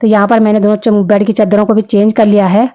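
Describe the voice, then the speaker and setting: A woman's voice: mid-range voice, flat delivery, quick pace, mellow, muffled recording. A woman in her fifties narrating her home vlog in a chatty, homely way, speaking straight to her viewers. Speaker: vlogger. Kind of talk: casual vlog voice-over narration.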